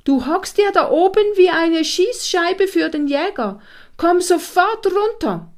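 A woman voicing a gruff, bossy male hedgehog who barks orders in a storybook reading. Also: extremely high pitch, lively intonation, unhurried, voice pushed up. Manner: commanding, scolding.

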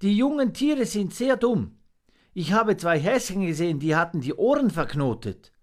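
A man reading a storybook aloud and voicing a small, brave young male monkey with a high, boyish voice and an eager, pleading manner. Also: very animated, normal speed.

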